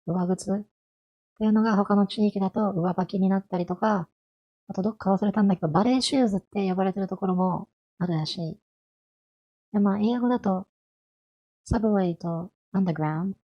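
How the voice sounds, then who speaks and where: A woman's voice: mid-range voice, fast, pauses often, lo-fi sound. A woman in her twenties giving a chatty, friendly explainer lesson on language, asking her listeners rhetorical questions. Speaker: language vtuber.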